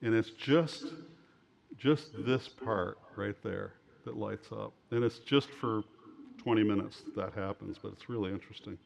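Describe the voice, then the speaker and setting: A man lectures informally over slides as an author, rambling and pausing haltingly. His fairly low voice carries vocal fry, and the muffled recording has a little hiss or hum.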